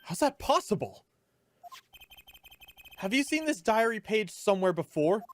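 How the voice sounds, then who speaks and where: A man's voice: high voice, sing-song, measured pace, voice pushed up. A man voicing a wary, brooding defense lawyer as he reads video game dialogue aloud. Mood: startled.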